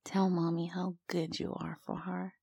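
A woman whispering close to the mic in a slow, cooing voice that is breathy with a gravelly edge. Her tone sits low and mellow, with little rise and fall, and the sound is dry and close. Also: flat delivery, dry recording. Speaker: audio roleplay performer. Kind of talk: whispered intimate audio roleplay.

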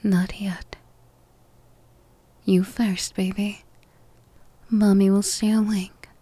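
A woman whispers close to the mic in a slow, soothing comfort roleplay. Her voice is mellow and breathy, staying flat and even. The sound is dry with no room around it. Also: medium pitch, no room sound. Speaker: ASMR roleplay performer.

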